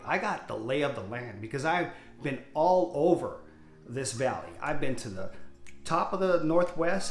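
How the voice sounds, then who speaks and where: Facing the camera, a real estate agent from Hawaii in his fifties introduces himself with a talkative, frank and cheerful salesman's manner. His medium-pitched voice sits in an echoey room.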